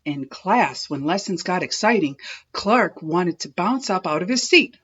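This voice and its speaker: A woman narrating a children's read-aloud expressively, with emphatic, drawn-out key words. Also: fairly low pitch, expressive, a bit bright, breathy edge, lo-fi sound. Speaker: storyteller.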